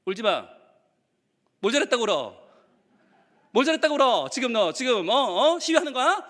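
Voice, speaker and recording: A man acting out an exasperated mother scolding her child, in a shrill, nagging tirade. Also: very animated, fast talker, a bit bright, full character voice. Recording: reverberant church hall.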